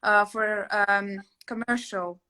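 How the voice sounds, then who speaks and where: Speaking slowly in a steady, medium-pitched voice that sounds pushed and bright, the host of an interior sketching channel makes casual conversation. She is young, from Latvia, a native Russian speaker, and often restarts sentences and uses fillers.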